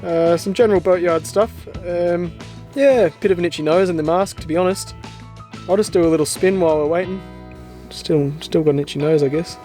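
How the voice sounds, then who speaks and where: A man's voice: high voice, fairly quick, warm tone, soft background music, lightly acted. A man doing a put-on New Zealand accent as a laid-back, rambling boatyard bloke who calls everyone bro. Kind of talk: comic impression in a vlog.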